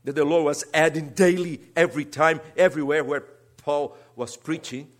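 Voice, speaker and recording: In an earnest sermon, this guest preacher from Brazil, who teaches at a seminary, swings from soft side comments to emphatic rises. He has a Brazilian Portuguese accent, a fairly high pitch, and a moderate pace.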